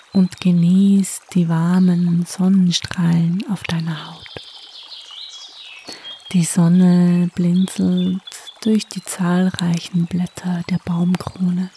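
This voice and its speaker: A woman narrating a sleep story softly and soothingly, unhurried, with long pauses between phrases. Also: fairly low pitch, a little hiss or hum. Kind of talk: slow, hushed sleep story narration with guided relaxation.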